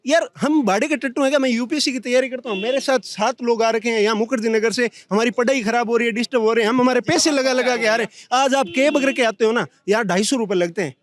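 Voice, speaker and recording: A young man from Rajasthan speaks out passionately as a protester in an outdoor street interview. His voice sits very high for a man. He talks in heated, rapid bursts. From Rajasthan, India. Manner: impassioned, rapid-fire complaints.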